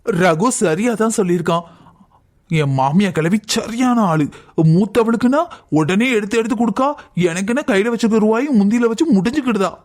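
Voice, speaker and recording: Male actor as aggrieved young cartoon daughter-in-law; high, complaining, easily offended. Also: darkish tone, lightly acted. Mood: grumbling. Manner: complaining, quick to take offence. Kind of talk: cartoon voice acting.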